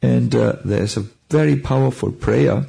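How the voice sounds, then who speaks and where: A man with a German accent giving a gentle, halting sermon, pausing often for his interpreter. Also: mid-range voice, gravelly, breathy edge. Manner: gentle, halting, with many fillers and pauses. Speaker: spiritual teacher.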